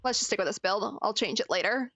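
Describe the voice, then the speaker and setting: A woman's voice: medium pitch, fast talker, a bit bright, no echo. A woman streaming a game, chatting casually with viewers and reacting expressively, swinging between frustrated cries and laughs. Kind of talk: casual gaming commentary.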